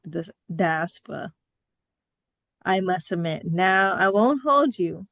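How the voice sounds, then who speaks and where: A young adult woman from the US Midwest hosts a casual podcast chat, sharing personal stories in a candid, sassy manner. Her voice is medium-pitched, with no echo.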